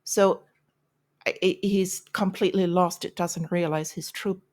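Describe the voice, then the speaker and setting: A woman's voice: fairly low pitch, steady tone, unhurried, a little mellow. A woman hosting a market and news commentary show, opinionated, with sarcastic asides and frequent fillers. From United States.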